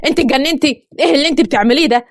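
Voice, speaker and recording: A stern, commanding young master of the house with an Egyptian accent, as a woman reads him. He scolds with quick, clipped force and a lively, rising pitch. The sound is dry and close. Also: no room sound, close to an everyday voice. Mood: scolding. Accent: Egyptian Arabic.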